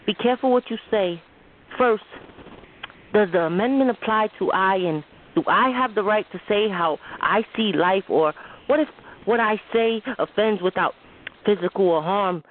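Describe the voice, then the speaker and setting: A woman co-host performing a spoken-word poem with a measured, rhythmic delivery and hushed emphasis. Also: mid-range voice. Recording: phone-line sound with faint noise.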